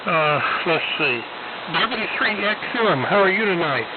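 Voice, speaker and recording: A man's voice: high-pitched, unhurried. A man talks in an easy, folksy way as he runs a ham radio check-in net. His voice comes through a narrow, tinny radio band. Heavy static hisses underneath. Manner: relaxed, folksy, chatty. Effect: radio transmission with static. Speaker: net control operator.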